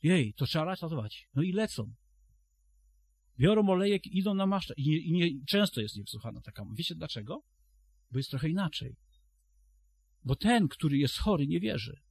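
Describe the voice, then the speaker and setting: Man, preacher, sermon, husky, somewhat high voice, dry sound, direct address. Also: sing-song, moderate pace, pauses often, darkish tone, no room sound. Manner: storytelling with frequent restarts, addresses congregation directly.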